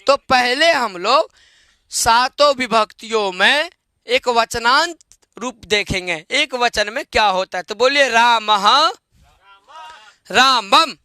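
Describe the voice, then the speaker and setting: A male Sanskrit teacher giving an online grammar lesson. He repeats word forms, quizzes his students with questions and chants the declensions slowly in a sing-song way. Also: very high-pitched, lively intonation, sharp tone, clear, resonant tone, dry recording.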